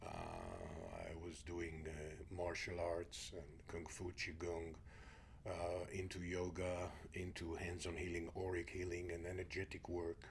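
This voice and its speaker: A man's voice: sits low, a little slow, vocal fry, slight background noise. A middle-aged man from Israel, guest on an interview show, speaking reflectively and often sinking to a near-whisper. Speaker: guest, spiritual teacher.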